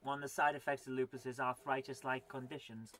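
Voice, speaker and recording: A woman in her forties, who has a cold, talks fast in a very deep, flat, slightly bright voice, with a little hiss or hum on the audio. Hosting a live retro gaming stream, she chats to viewers and mutters to herself in a chatty, self-deprecating way.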